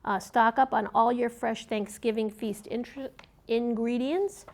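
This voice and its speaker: Creaky, higher-voiced woman reading local announcements. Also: fairly even intonation, measured pace. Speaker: co-host reading community event announcements. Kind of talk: conversational announcements, read from notes.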